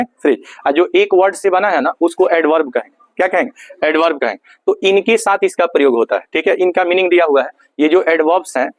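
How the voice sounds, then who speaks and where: A male Hindi-speaking teacher with a Bihari accent and a slightly high voice gives a classroom grammar lesson with no room sound. He asks questions and answers them himself, repeating key words.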